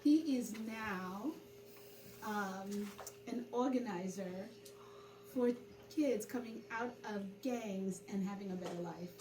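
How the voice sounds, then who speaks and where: A woman's voice: medium pitch, slow pace. A middle-aged woman born in Haiti, a community organizer, telling her story in an interview. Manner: storytelling, animated when quoting herself. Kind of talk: interview conversation. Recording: roomy, distant mic with background noise.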